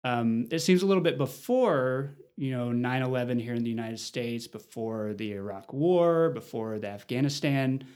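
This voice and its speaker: A man's voice: mid-range voice, normal speed, few pauses, a little mellow, clear, resonant tone. A man hosting an interview podcast, asking questions in a friendly, conversational way. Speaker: podcast host. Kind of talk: casual interview.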